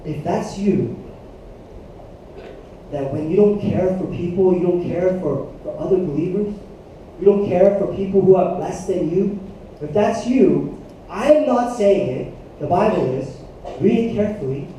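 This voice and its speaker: Animated pastor in an echoey hall. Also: male voice, sits high, a little slow, pauses often, lo-fi sound, slight background noise. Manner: animated storytelling, asks the room for responses. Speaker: youth pastor. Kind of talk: sermon. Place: church hall. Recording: echoey hall, mic at a distance.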